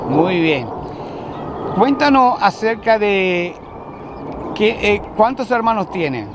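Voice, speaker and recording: High-voiced man interviewing with a pastor's warmth. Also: big pitch swings, slow pace. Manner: pastoral, blessing and leading with questions. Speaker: interviewer, church host. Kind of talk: religious interview. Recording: noisy outdoor recording with traffic.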